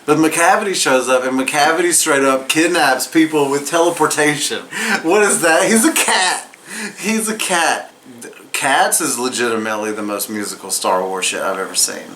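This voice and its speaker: A man's voice: on the high side, normal speed, bright, forceful tone, a little hiss or hum. A man giving a casual, profane comedic film recap while tipsy and getting drunker, rambling and prone to giggles. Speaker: movie reviewer.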